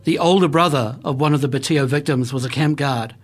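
A man, narrating a scripted history report for radio in a grave, even-paced manner. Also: fairly high pitch, fairly quick.

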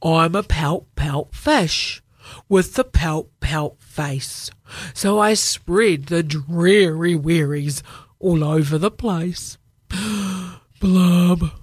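A woman voicing a glum, gloomy male fish who mopes through a slow, sing-song refrain. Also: deep voice, slightly rough, no room sound, clean studio sound, exaggerated voice.

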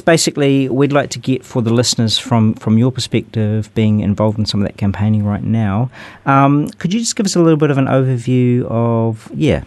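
A man's voice: medium pitch, a little mellow, dry recording. Rambling New Zealand man hosting, close and dry. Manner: rambling, repetitive, appreciative. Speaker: radio show host. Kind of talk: conversational interview.

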